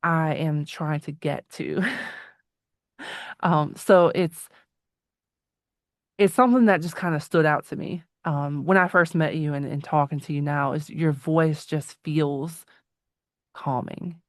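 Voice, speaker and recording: A woman's voice: sits low, slow pace, long pauses, no echo, clean studio sound. A woman in her forties, hosting an interview, talking in a thoughtful, reflective way and laughing often. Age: 40s. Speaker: podcast host. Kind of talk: casual interview chat.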